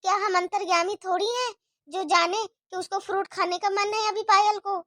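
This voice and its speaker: In clean, echo-free studio sound, a woman with a very high, steady voice speaks at a moderate pace as a weary young wife and mother in a cartoon story. The put-upon character grumbles, pleads, defends herself, and complains softly.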